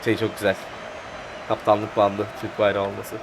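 A young man giving excited play-by-play as he plays a football video game, urging his players on and swearing when chances slip away. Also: fairly low pitch, moderate pace, gravelly, noisy background. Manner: animated, shouts at players, swears in frustration. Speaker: gaming YouTuber. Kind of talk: excited gameplay commentary.

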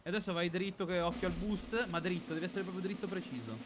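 A man's voice: high voice, fairly even intonation, fast talker, noisy background. A man co-hosting a gaming video, giving casual step-by-step coaching into a close microphone. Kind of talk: casual gameplay commentary. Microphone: close desk microphone with headset.

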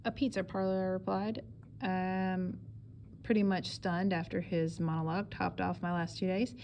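A woman's voice: on the low side, flat delivery, measured pace, darkish tone, slight background noise. A woman reading a first-person memoir aloud in a plain, matter-of-fact way. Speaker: audiobook reader.

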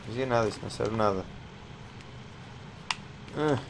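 Male let's-player, European Portuguese accent, jumpy and chatty, game sounds clearly audible under the voice. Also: on the low side, moderate pace. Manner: excitable, yelps and swears at jump scares, mutters to himself. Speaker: gamer playing a horror game. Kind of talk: let's play commentary. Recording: clear game noise behind voice.

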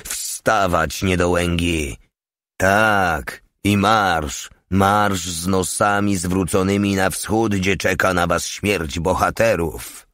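A man's voice: low-pitched, a little slow, no room sound, clean studio sound. A man reading an audiobook voices a bossy, arrogant male army sergeant who barks orders. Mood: shouting. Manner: barking, shouting orders.

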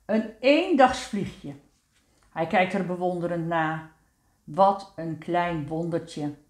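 A woman narrating a children's story in a gentle, unhurried way. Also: on the low side, flat delivery, echoey room. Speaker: storybook reader.

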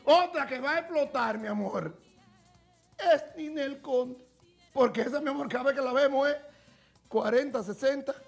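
A man's voice: very high voice, moderate pace, gravelly, pauses often. A man playing a flamboyant woman who presents TV gossip. He talks in a camp, theatrical way and calls everyone "my love" in a TV studio with faint music behind. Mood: gossipy. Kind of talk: sketch comedy gossip segment.

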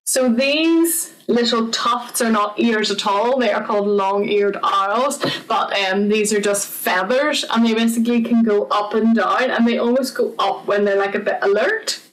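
A woman's voice: a little high, normal speed, few pauses, recorded from a distance, poor audio. A woman, a conservation officer giving an informal online talk, explaining in a chatty way with lots of fillers.

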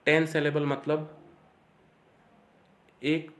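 A man giving an exam-prep literature lecture, reading English lines slowly, explaining them, and asking and answering his own questions. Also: on the high side, completely flat delivery, a bit bright. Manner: reads English lines slowly, then repeats key terms.

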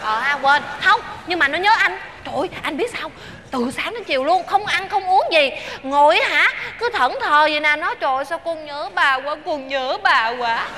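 A woman's voice: high voice, expressive, normal speed, pushed and bright, in a large hall, a little hiss or hum. A woman playing an anxious, pleading young village woman in a stage comedy. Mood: coaxing.

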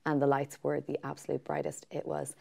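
Low-voiced chatty Irish woman, gravelly. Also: brisk. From Ireland. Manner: chatty, animated storytelling with acted quotes. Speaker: guest presenter. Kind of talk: casual interview chat. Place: small studio set with sofas.

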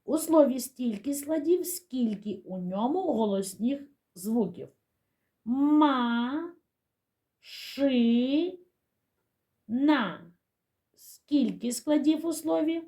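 A woman teacher giving a slow, clear literacy lesson to young children, sounding out syllables and praising them. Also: on the high side, warm tone.

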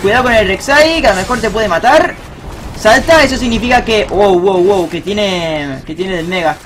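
Excitable young Spaniard commenting gameplay. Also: male voice, sits high, moderate pace, a little hiss or hum. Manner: excitable, swears and shouts on big plays. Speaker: gaming streamer.

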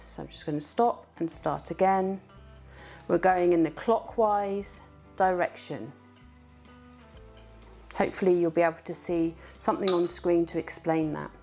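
A woman's voice: lowish voice, a little mellow. A woman teaching a beginner how to treadle a spinning wheel, in a chatty, encouraging way, counting out the rhythm as she demonstrates.

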